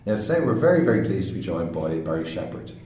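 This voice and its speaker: A man with a very deep, dark voice hosts a history podcast, reading a polite intro and then asking questions. He sounds set back from the mic in a very echoey room, with faint noise behind him. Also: sing-song, quick pace, recorded from a distance. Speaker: podcast host. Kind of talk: scripted intro and interview questions.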